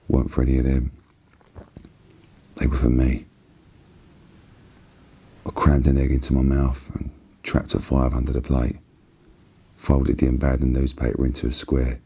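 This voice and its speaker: Very deep, gravelly Cockney man reading softly. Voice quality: very husky, soft and gravelly. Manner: hushed, unhurried, even narration. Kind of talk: ASMR reading of a novel.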